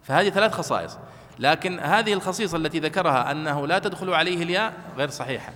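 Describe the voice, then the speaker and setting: A man's voice: on the high side, very fast, fairly bright tone. A male teacher explaining a classical text to students, checking that they follow with short questions. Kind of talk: classroom commentary on a religious text. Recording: long reverb of a hall.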